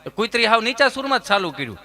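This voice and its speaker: A folk stage comedian with a Kathiawadi Gujarati accent, his voice high and bright as he spins funny stories. He talks in a lively, down-to-home way and jumps into his characters. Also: racing. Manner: animated, folksy, acts out the characters. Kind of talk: humorous stage storytelling.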